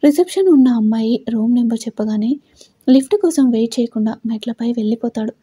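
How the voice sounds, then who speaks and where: A woman narrating a family drama story in a steady, plain storytelling manner. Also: a little high, fast talker, slightly rough, no room sound. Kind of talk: scripted narration.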